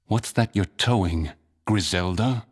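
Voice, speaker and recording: A man voicing a courteous, wry masked spymaster with a calm, polite, dryly amused manner. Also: on the low side, a little slow.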